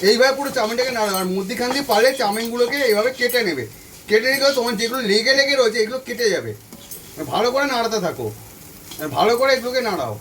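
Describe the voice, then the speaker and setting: A man's voice: very high voice, a bit bright, slight background noise. A man hosting a home cooking channel, walking viewers through a recipe step by step, repeating each instruction and speaking to them directly from his kitchen stove. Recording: voice from a distance off the mic. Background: frying sizzle and stirring.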